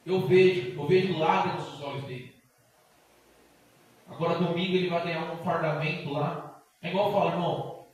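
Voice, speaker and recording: A middle-aged Brazilian deacon preaching an impassioned Pentecostal sermon, pleading and breaking into loud bursts. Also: male voice, fairly high pitch. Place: church sanctuary. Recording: very echoey church hall, distant mic.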